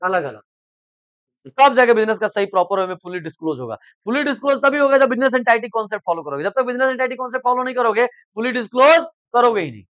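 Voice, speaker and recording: A middle-aged male teacher lectures in a coaching classroom with a high voice, talking very fast. He explains in simple terms with everyday examples and keeps prodding students to answer whether they follow. The sound is dry and close. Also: lively intonation, fairly bright tone, dry recording. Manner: repeatedly asks "samajh mein aa raha hai?" and prods students to answer.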